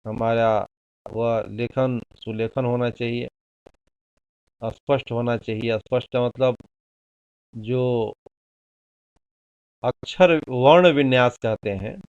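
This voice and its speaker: Slow-spoken male Hindi teacher. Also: mid-range voice, darkish tone, dry recording. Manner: slow, deliberate explaining with examples. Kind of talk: classroom lecture. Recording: dull, lo-fi dry recording.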